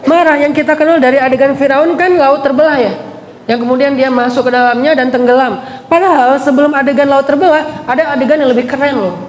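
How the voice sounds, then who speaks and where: A man preaching a casual sermon in slangy, conversational speech, acting out quotes with dramatic flair. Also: very high voice. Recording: echoey hall with faint ambience.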